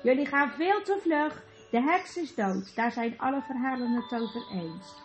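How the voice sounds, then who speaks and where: Woman voicing a calm learned old doctor. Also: sits high, moderate pace, over music.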